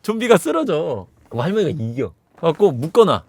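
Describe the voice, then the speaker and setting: Animated man recapping a movie. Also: a little high, a little fast, dry recording. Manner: animated storytelling with sound effects. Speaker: movie reviewer.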